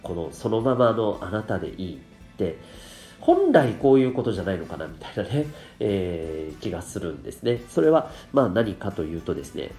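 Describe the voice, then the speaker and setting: Congested from dust and rhinitis, this man sounds nasal and blocked up as he courteously explains things on his solo podcast. He's a parenting coach with a lowish, dark-toned voice. The recording is roomy and echoey, with soft music playing.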